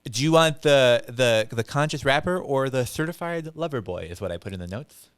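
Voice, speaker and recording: Young guy hosting a podcast, smooth clear voice, dry close sound, animated and joking. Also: medium pitch, no echo. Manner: animated, quick bursts with playful quoted voices. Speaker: podcast host. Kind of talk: casual chat.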